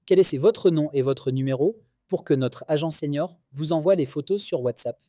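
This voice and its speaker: A chirpy, cheerful robotic-sounding male voice agent answers the phone in an upbeat, formulaic way. His voice sits a little high. The sound is dry and close, with no room around it. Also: normal speed, mellow, dry recording. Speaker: real estate phone receptionist. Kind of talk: scripted phone customer service.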